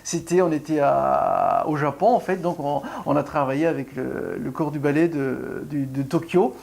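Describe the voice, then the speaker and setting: A middle-aged ballet class pianist giving a casual video lesson, talking in a halting way with many restarts while showing rhythm and breathing. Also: medium pitch, fairly even intonation, creaky, darkish tone.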